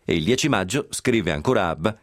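A man's voice: low-pitched, lively intonation, brisk, no room sound, studio quality. A man reading a scripted history piece on the radio, telling it with a wry, ironic edge and sly asides. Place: radio studio.

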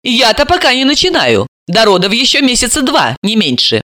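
A woman's voice: a little high, wildly swooping pitch, normal speed, bright, forceful tone, dry recording, clean studio sound, voice pushed up, full character voice. A woman doing a sarcastic defiant daughter in her thirties. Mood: teasing. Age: 30s. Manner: teasing, sarcastic.

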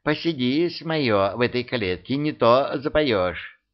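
A man's voice: mid-range voice, expressive, measured pace, lightly acted. A man voicing a homely, cunning old witch held in chains, chatty, folksy and coarse. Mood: grumbling. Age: older. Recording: dull lo-fi audio.

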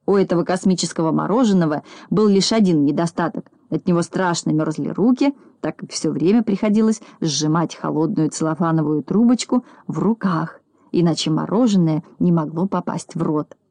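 Mellow-voiced woman reading a storybook. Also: fairly low pitch, normal speed, no echo. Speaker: narrator. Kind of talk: reading a children's story aloud.

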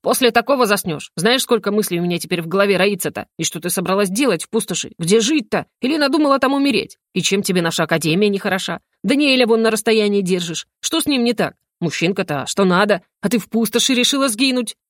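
A woman's voice: mid-range voice, animated, fast talker, few pauses, no room sound, studio quality, close to an everyday voice. A woman reading the part of a grumpy, blunt male hedgehog who grumbles and scolds. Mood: grumbling.

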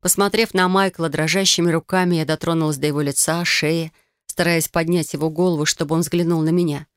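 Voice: medium pitch, steady tone, brisk, smooth, no room sound, studio quality. An audiobook narrator reading a first-person fantasy story with an emotive, dramatic delivery.

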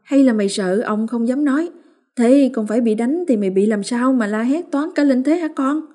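A woman voicing a fierce, protective village mother who scolds and shouts in rapid bursts, as a character in an audiobook. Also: a little high, voice pushed up, lightly acted. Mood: anxious.

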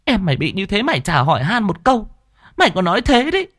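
A man doing a shrill wailing mother. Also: wildly swooping pitch, fast, fairly bright tone, no echo, clean studio sound, heavily acted. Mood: frantic wailing. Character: panicked middle-aged mother, shrill, wailing.

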